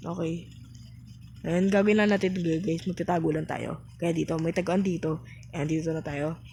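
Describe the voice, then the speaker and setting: A woman giving casual, chatty commentary while playing a game, breaking into sudden high exclamations. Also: fairly even intonation, normal speed, gravelly, warm tone, a little hiss or hum, low-quality recording. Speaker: gaming vlogger.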